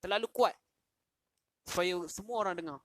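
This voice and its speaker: A man's voice: high voice, normal speed, fairly bright tone, no room sound, studio quality. A man voicing a brave, pious young man who firmly stands up to a king.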